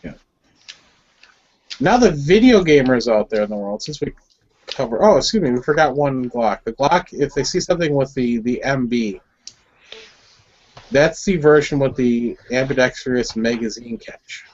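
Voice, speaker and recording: A man's voice: medium pitch, expressive, moderate pace, pauses often, a little mellow. A man with a Wisconsin accent hosting a casual group chat, talking loosely, stumbling over words now and then and laughing along. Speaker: host. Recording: dull lo-fi audio.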